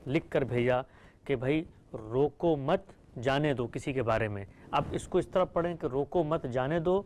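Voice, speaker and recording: A man's voice: fairly high pitch, a little mellow, a little hiss or hum. A man hosting a talk show, posing questions and reading out viewer letters. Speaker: host.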